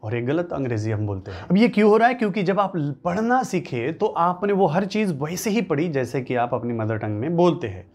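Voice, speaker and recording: Guy teaching a lesson, pushes every point, voice bounces all over, a bit high. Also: animated, fairly quick, hardly any pauses, a little mellow. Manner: emphatic, repeats and lists key points for stress. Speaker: English-speaking coach. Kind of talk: motivational lesson to camera.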